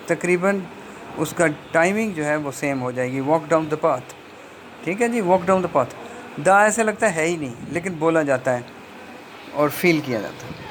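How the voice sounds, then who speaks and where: A man giving a linguistics lecture, explaining a textbook step by step with frequent hesitations and reading English passages very slowly. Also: on the high side, a bit bright. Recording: faint background noise.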